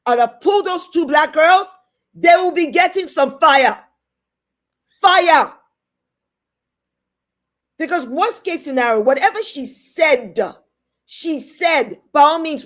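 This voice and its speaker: A middle-aged British woman hosting a show, delivering a heated commentary rant in an indignant, scolding way and repeating herself for emphasis. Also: sits high. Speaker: host.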